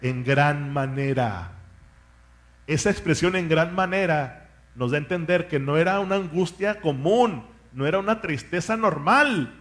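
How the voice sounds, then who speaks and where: A man's voice: on the high side, expressive, a little slow, fairly bright tone. A man, a pastor, preaching a sermon with fervent rhetorical questions and asking his congregation to repeat words after him.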